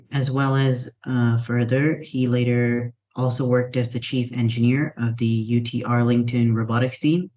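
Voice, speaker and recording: A man's voice: mid-range voice, dark tone. A man hosting a podcast, introducing his guest with many ums and uhs. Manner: hesitant, many fillers. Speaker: podcast host. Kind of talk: interview introduction. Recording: dull lo-fi sound.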